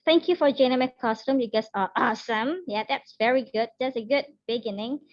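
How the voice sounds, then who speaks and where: A young Indonesian woman teaches an English class in a friendly way, mixing English with Indonesian and laughing often. Her voice is a little high and her pace moderate. The recording is dry and lo-fi with a dull sound and no echo.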